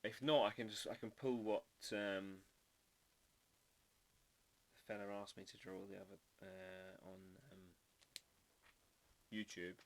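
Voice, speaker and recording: A man's voice: lowish voice, little pitch movement, slow, long pauses. A man hosting a live drawing stream, chatting casually and playfully while trying out foreign words. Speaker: livestream artist host.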